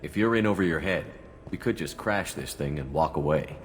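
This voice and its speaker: A man playing a steadfast military commander in a video game cutscene, calm and wry with a plain, understated delivery. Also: rumbling low, brisk. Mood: businesslike. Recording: long hall reverb, music behind.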